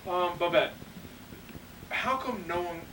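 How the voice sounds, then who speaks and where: A man's voice: high voice, slow. A man playing an earnest, bumbling anchor in a spoof newscast, stammering through his questions. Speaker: news anchor. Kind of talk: parody news anchor, amateur spoof newscast. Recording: distant mic, clear background noise, clicks.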